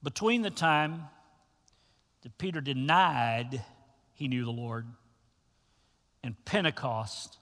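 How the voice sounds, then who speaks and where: A man preaching a sermon to his congregation as pastor, telling the story with animated, folksy asides. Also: medium pitch, in a large hall.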